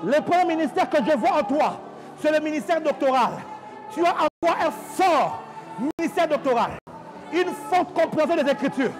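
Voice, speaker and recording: A man preaching a charismatic prayer sermon. He prays fervently, repeats phrases over and over, shouts, and breaks into tongues. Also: extremely high pitch, expressive, moderate pace, rough recording. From DR Congo. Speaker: prophet and preacher. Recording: loud music behind the voice.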